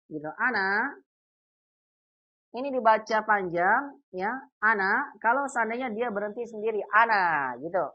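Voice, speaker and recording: A man teaching an online Arabic grammar class, patiently repeating example phrases and quizzing his students. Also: sits high. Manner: patient, repeats example phrases slowly and asks quiz questions. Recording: dull lo-fi online call audio.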